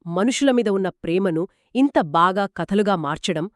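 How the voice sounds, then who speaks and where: A woman's voice: medium pitch, animated, normal speed, dry recording, studio quality. A woman co-hosting a book discussion podcast, explaining and summing up reader reviews. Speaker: podcast co-host.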